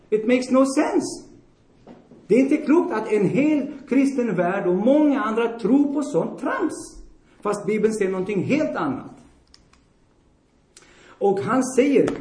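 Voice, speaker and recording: A man's voice: sits high, a little mellow. A man preaching a sermon bluntly and emphatically, repeating himself for stress and putting questions to the congregation. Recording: roomy echoing hall.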